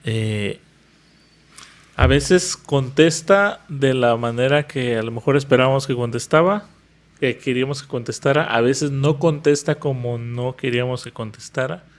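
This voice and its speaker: Male podcast host, affirming, echoes guest, medium pitch. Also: measured pace. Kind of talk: podcast interview.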